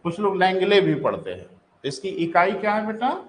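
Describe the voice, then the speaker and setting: High-pitched Hindi teacher lecturing. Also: male voice, big pitch swings, normal speed, rough recording. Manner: calls students "beta", asks and answers his own questions. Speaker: geography teacher. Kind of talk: live online class lecture.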